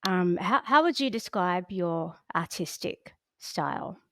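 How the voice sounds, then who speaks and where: A woman hosting a podcast interview in a casual, giggly manner, quick to reassure her guest. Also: on the low side, animated, pushed and bright, no room sound, clean studio sound. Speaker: podcast host.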